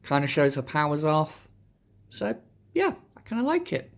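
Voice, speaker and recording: A man hosting a casual, chatty toy review, his voice hoarse from a sore throat. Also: a little high, wildly swooping pitch, normal speed. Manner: informal, chatty. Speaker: host of a toy review channel.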